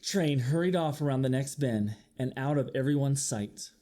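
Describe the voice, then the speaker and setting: A man's mid-range voice moves at a moderate pace as he reads a children's picture book like a teacher would. The reading is animated and expressive, featuring acted-out sound effects and questions for young listeners.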